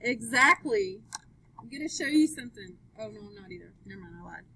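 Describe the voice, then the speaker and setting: A woman's voice: high voice, big pitch swings, fairly quick, gravelly, pushed and bright, husky, poor audio. A woman teaching a math class, upbeat, asking students question after question as she works through graphs. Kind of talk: live classroom lesson.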